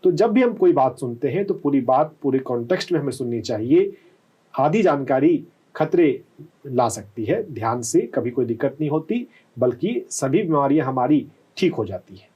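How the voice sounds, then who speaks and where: A man working as a doctor, calmly explaining answers to callers on a live health call-in show and often checking with "है ना?". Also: mid-range voice, normal speed, husky, muffled recording. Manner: calm, explanatory, often asks "है ना?".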